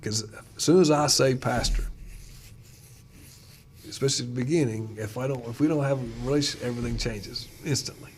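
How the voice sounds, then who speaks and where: A man who is a pastor, telling stories in a casual chat and getting animated when he retells dialogue. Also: mid-range voice, a little fast, a little hiss or hum. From United States. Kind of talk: casual conversation, storytelling.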